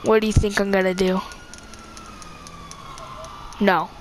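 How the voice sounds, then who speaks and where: A woman giving casual, excitable gameplay commentary, giggling often, talking to her viewers and yelling at other players. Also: medium pitch, takes it slowly, slight background noise. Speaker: gameplay streamer.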